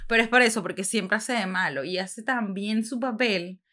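A young woman co-hosting a podcast, chatting casually and retelling scenes in an animated, emphatic way. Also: medium pitch, moderate pace. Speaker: podcast co-host. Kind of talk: casual chat.

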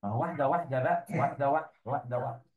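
A man's voice: mid-range voice, very fast, narrow, tinny audio. A man with an Egyptian Arabic accent teaching an English revision lesson to a class, patiently coaxing students and repeating key points. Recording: echoey room, mic at a distance.

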